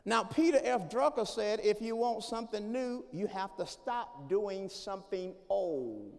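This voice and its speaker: A man preaching in a with a gravelly, fry-laden tone. His voice sits unusually high, and he swings from quiet, drawn-out lines to hollering calls for a response. The sound carries a long reverb from a big hall. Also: animated. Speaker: pastor. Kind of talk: sermon. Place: church sanctuary.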